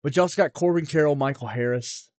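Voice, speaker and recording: A man's voice: fairly high pitch, fast talker, a little mellow, no room sound. Rambling man on a hobby podcast. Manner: rambling, with repeated restarts and fillers. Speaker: podcast co-host, card expert. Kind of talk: casual chat.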